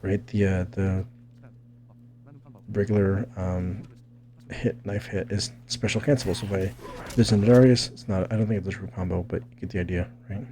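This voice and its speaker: A gaming video creator explains fighting game techniques in a casual tutorial, his low, dark voice fairly even and moderately paced. He thinks aloud in a rambling way, often checking in with "right?", over slight background noise.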